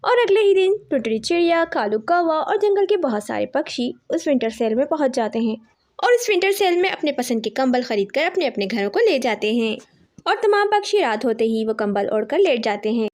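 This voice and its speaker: A woman narrating a children's cartoon story in a lively storytelling manner. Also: high voice, fairly quick.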